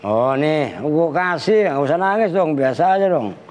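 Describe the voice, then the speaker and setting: A man's voice: fairly high pitch, animated, normal speed, a little mellow. A man with a Betawi Jakarta accent, a kyai teaching Arabic grammar to students in a casual, slangy, teasing way. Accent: Betawi Jakarta Malay. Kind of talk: casual classroom lesson with banter. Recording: reverberant hall with faint background noise.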